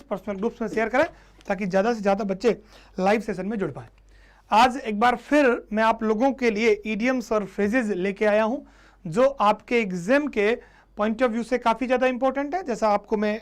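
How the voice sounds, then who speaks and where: Brief: man, lively online tutor, repeats and quizzes, rather high voice. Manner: energetic, repeats and quizzes students. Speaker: English teacher. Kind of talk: live online class.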